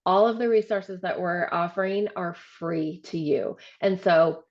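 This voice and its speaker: A woman director giving a webinar training, explaining step by step with frequent "um" and "so", her voice showing some vocal fry. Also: fairly low pitch, measured pace, a little mellow, muffled recording. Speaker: program director presenting a training. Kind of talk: webinar presentation.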